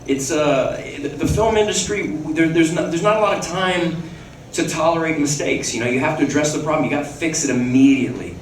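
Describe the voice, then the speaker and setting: Fairly high-pitched and fairly quick, this male guest actor rambles through casual anecdotes for fans at a Q&A, cursing, laughing, and restarting constantly. The sound comes from far away in an echoey hall with ambience and slight background noise.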